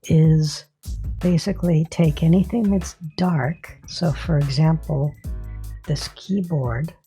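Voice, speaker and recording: A woman's voice run through a voice modulator, pitched low and mellow. She drawls slowly through a casual product review, stopping often for ums and restarts, with faint music in the background. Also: steady tone. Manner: rambling, filler-heavy, halting.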